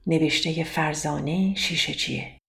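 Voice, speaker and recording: A woman telling a children's bedtime story in a gentle, even read-aloud manner. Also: low voice, vocal fry.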